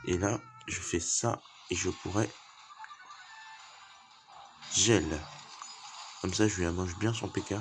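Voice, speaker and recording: A man's voice: sits low, steady tone, slow, pauses often, faint music behind. A man giving casual, informal live commentary on a game as he plays, thinking aloud. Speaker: gaming video host.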